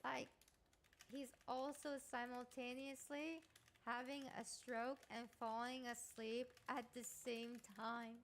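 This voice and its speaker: High-voiced, giggly woman streamer. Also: little pitch movement, slow pace, a little hiss or hum. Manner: giggly, playful, thinking out loud. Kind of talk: casual live-stream chat.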